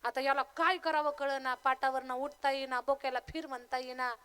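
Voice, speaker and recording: High-voiced woman kirtankar. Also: brisk. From Maharashtra. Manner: lively, humorous storytelling. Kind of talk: devotional sermon storytelling.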